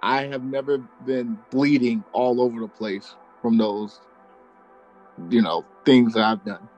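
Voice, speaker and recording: A man co-hosting a true-crime podcast, reacting in a casual, incredulous and expressive way. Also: mid-range voice, a little slow, lo-fi sound, soft background music. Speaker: podcast co-host.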